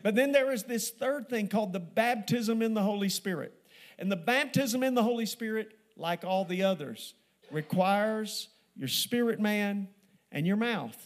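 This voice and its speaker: High-voiced preacher man in a sermon. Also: animated. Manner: preaching with rising emphasis and repeated phrases; slows down to stress scripture phrases. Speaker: pastor. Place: church sanctuary.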